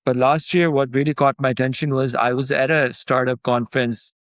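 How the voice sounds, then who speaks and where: A Pakistani startup founder speaks casually in a remote interview, in a mid-range voice that runs a little fast. His speech is loose and full of fillers, turning animated when he gets excited, and the audio has no room sound.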